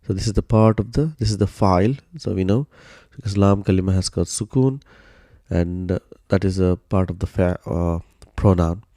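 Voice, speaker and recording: Speaking at a normal speed, a man gives a patient, step-by-step grammar lesson, often saying "so" and "uh." His voice is low and mellow, and the audio is dry and close with no room sound.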